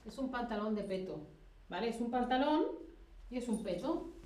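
Teacher woman, fairly high voice. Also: animated, normal speed. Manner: checks in constantly with rhetorical "¿sí?" and "¿vale?"; acts out example phrases with a raised, louder voice. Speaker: Spanish teacher. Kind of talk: live-streamed grammar lesson.

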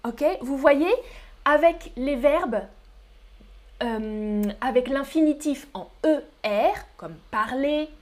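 A woman from the Paris region teaching French pronunciation in a live online lesson, speaking with a Parisian accent and repeating each example slowly and carefully. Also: high voice, darkish tone. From Paris region, France.

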